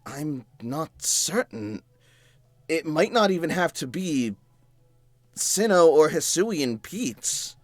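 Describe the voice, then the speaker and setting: A man voicing a measured, apologetic researcher father in a tabletop role-play. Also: fairly high pitch, sing-song, no room sound, soft background music, full character voice. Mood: earnest. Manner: measured, explanatory.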